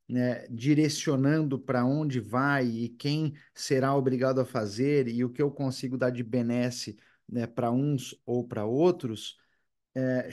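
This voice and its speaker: A man's voice: mid-range voice, a little mellow. Man, interviewer, long hesitant questions with frequent fillers, mid-range voice.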